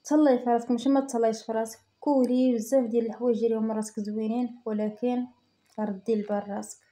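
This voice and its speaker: A woman's voice: on the high side, level tone, rapid-fire, dark tone. A young woman with a Moroccan Arabic accent, giving earnest personal advice in a vlog and repeating phrases for emphasis. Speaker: vlogger.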